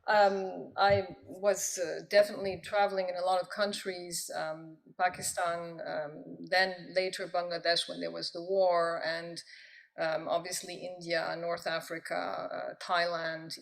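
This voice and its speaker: A woman's voice: fairly low pitch, level tone, measured pace, vocal fry. A middle-aged woman answering interview questions thoughtfully, with frequent ums. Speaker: guest, professor and poet.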